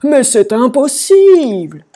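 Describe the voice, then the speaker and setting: A woman's voice: high-pitched, very animated, slow pace, mellow, pitched above the performer's own voice, full character voice. A woman voicing a whiny, tearful old king in a storybook reading, wailing and petulant. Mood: whimpering.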